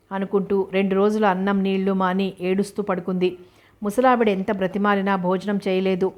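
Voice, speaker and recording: Female audiobook narrator, steady and flat, plain storytelling read. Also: mid-range voice. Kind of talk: reading a novel aloud.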